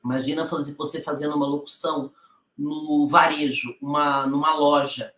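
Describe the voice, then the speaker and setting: A woman's voice: deep voice, flat delivery, moderate pace, a bit bright. A woman voice-over coach teaching directly, putting rhetorical questions to her listeners and addressing them familiarly. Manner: calls the audience "gente" in a familiar way. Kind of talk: online teaching talk. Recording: roomy echo.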